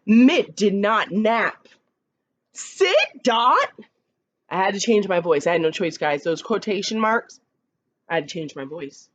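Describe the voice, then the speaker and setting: A woman who teaches kindergarten, reading picture books aloud slowly and expressively, with chatty asides to the children. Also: lo-fi sound. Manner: slow, expressive read-aloud with lively pitch, chatty asides.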